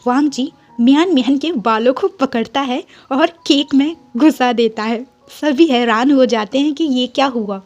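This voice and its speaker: High-voiced woman telling a fan story. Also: unhurried, few pauses, a little mellow, lo-fi sound, soft background music. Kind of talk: casual story retelling.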